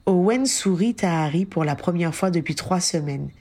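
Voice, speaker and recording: A woman narrating a fan fiction audiobook in a steady, even storytelling manner. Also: on the low side, normal speed. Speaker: audiobook reader.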